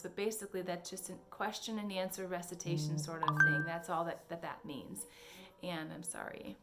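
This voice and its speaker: A young adult woman giving homeschool curriculum recommendations in a casual, earnest way, hedging often and pausing with ums and restarts. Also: medium pitch, fairly bright tone. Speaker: homeschool blogger.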